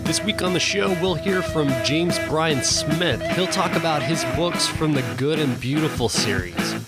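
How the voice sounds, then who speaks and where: A man's voice: fairly high pitch, lively intonation, unhurried, over loud music. A man hosting a podcast, reading an upbeat scripted intro, then interviewing a guest. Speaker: podcast host.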